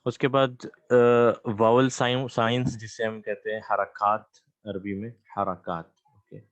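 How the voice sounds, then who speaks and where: A man's voice: fairly low pitch, flat delivery, fairly bright tone, dry recording. A man teaching Arabic grammar in an online class, patiently repeating terms and checking in with his students. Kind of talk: online class lecture with screen share. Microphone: computer mic on a video call.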